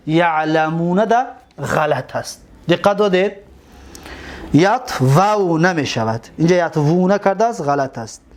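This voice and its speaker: A man with a Tajik accent teaching a grammar lesson, chanting long lists of verb forms and quizzing his listeners. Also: high voice. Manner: drills conjugations aloud, repeats and quizzes listeners.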